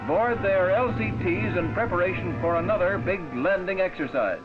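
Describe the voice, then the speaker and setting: High-voiced man in an old newsreel. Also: normal speed. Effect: old wartime newsreel narration. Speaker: newsreel announcer. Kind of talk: 1940s newsreel narration. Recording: tinny old newsreel soundtrack with loud music.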